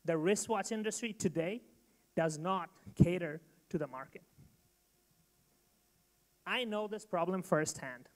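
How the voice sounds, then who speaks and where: A man from Bangladesh giving a rehearsed startup pitch to an audience, emphatic and direct. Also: measured pace, pauses often. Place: event hall. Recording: long hall reverb.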